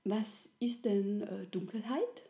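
A woman's voice: mid-range voice, takes it slowly, warm tone. A woman voicing a small, curious, childlike soul who pleads and wonders, with French exclamations. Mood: wistful. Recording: roomy echo.

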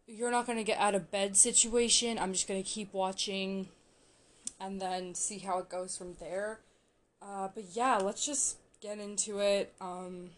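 A young woman in a casual reaction vlog, gushing and excitable, talking with lots of filler words. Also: medium pitch. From Canada. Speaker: vlogger reacting to a TV series.

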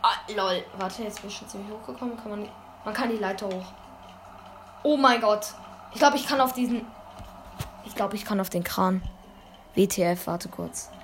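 A woman giving casual gameplay commentary, excitable and full of youthful slang, breaking into sudden loud exclamations. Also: mid-range voice, moderate pace, long pauses. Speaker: let's play gamer. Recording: constant background noise.

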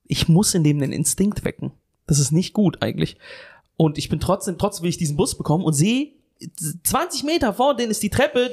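A man's voice: on the high side, darkish tone, husky. A young man co-hosting a comedy podcast, telling a long story in a rambling, profane way and often circling back with fillers. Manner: rambling, swears a lot, keeps restarting with "anyway". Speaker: podcast co-host.

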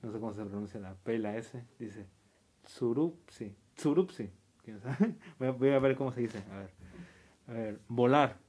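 Husky man repeating words back. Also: mid-range voice, moderate pace, a little mellow. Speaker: language learner asking for words. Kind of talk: casual word elicitation.

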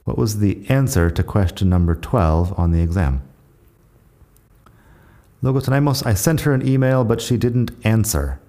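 Low dark voice, guy teaching english words slowly, american accent, repeats stuff twice. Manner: calm, slow explanations, repeats each example twice. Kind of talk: language lesson with example sentences.

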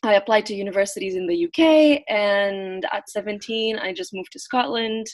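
A woman in her twenties from Greece talks as an interview guest over a remote call. She is loose and conversational, with frequent ums and likes and a pitch that sits in the middle of the usual range. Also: normal speed. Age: 20s. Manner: relaxed, many ums and likes.

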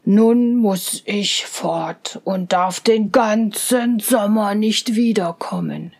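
A woman voicing a large, gentle male bear in a fairy tale reading, speaking slowly and low, trailing into whispers. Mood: earnest.

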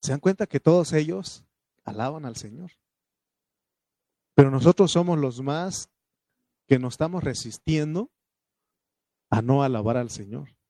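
A man's voice: mid-range voice, expressive, warm tone, no echo. A man preaching a fervent sermon, questioning his congregation and punctuating points with amen, raising his voice to read scripture. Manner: reads scripture aloud in a raised, drawn-out voice.

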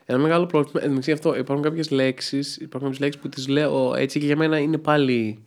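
A man's voice: on the high side, steady tone, darkish tone. A man, a stand-up comedian from Trikala with a Thessaly accent, chatting casually and rambling with many fillers as a podcast guest. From Greece, Trikala. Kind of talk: casual chat.

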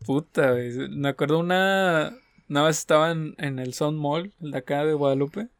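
A man's voice: fairly high pitch, moderate pace, smooth. A young man with a Mexican accent, hosting a casual podcast, teasing his co-host in slangy chat. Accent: Mexican Spanish. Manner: teasing, slangy, laughs often.

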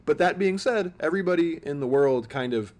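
A man's voice: a little high, animated, brisk, darkish tone. A man in his twenties hosting a podcast, talking casually and reflectively, rambling with lots of filler words. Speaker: podcast host.

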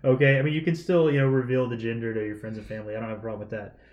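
A man's voice: mid-range voice, little pitch movement, racing, lo-fi sound. Chatty man in a roomy echo. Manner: chatty storyteller, laughs often, many fillers. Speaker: podcast co-host reading news stories. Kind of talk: casual podcast chat.

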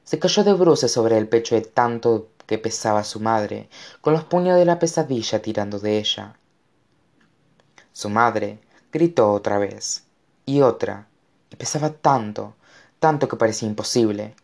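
A man's voice: fairly low pitch, animated, a little slow, gravelly. A man narrating an audiobook with dramatic storytelling. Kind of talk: scripted narration.

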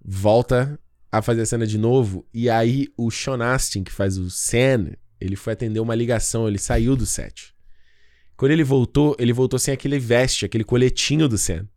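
A man's voice: medium pitch, no room sound, studio quality. A man, chatting casually as a podcast co-host, slangy and full of swearing. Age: 30s. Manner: fast, slangy and swearing, animated. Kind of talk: casual chat.

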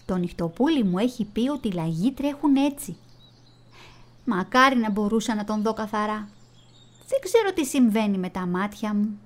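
A woman's voice: medium pitch, sing-song, close to an everyday voice. A woman voicing a curious little male bat who is dazzled by daylight, in a fretful, plaintive voice. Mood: wistful.

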